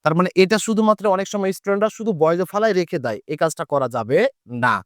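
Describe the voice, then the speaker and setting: A man with a fairly high, smooth and resonant voice teaches a grammar lesson for exam students. He explains each rule step by step, poses questions and answers them himself, and draws out example words slowly. The sound is dry and close, with little room echo. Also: lively intonation. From Bangladesh. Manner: explains step by step, repeats rules, asks and answers his own questions. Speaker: Bangla teacher.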